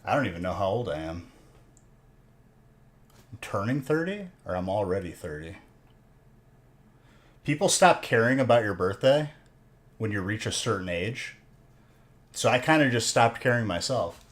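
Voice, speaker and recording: A man in his thirties, voice on the low side, speaks at normal speed with lively intonation and long pauses. While opening card packs on a live stream, he jokes around and teases his chat.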